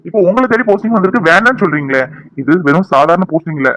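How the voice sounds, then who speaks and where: Man doing a cartoon office boss, talky and persuasive, fast. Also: high voice, expressive, a bit bright, no echo.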